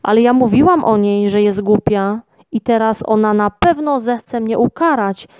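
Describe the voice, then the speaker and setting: A woman's voice: on the high side, normal speed, a little mellow, smooth, no room sound, clean studio sound, natural voice. A woman voicing a frightened, tearful little girl in a storybook reading, with whiny, pleading speech. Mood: upset.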